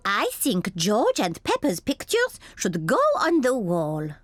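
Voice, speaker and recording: A gentle gazelle teacher. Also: female voice, mid-range voice, wildly swooping pitch, slow. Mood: encouraging. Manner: gentle and encouraging, sing-song. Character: kindly adult female gazelle playgroup teacher. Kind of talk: children's cartoon voice acting. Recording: studio voice with background music.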